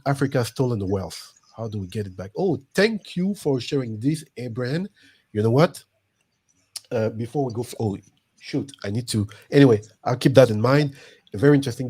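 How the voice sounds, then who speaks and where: This live stream host from Guadeloupe has a warm, slightly rough voice at medium pitch. Talking casually and with enthusiasm, he spurs his viewers on and repeats himself frequently.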